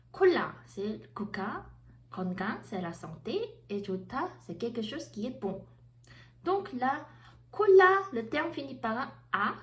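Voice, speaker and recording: Lively Korean woman teaching in an echoey room. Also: on the high side. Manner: slow, careful explanations switching between two languages. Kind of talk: explanatory language lesson.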